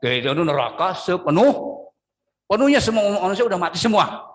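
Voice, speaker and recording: A man pastor preaching a sermon with an Indonesian accent, swinging between loud emphatic lines and drawn-out, quieter phrases. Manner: animated preaching with sudden pitch swings and drawn-out words.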